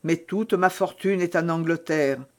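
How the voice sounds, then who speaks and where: A man's voice: on the high side, a little slow, lightly acted. A man voicing a desperate, seductive noblewoman held captive, pleading theatrically in an audiobook reading.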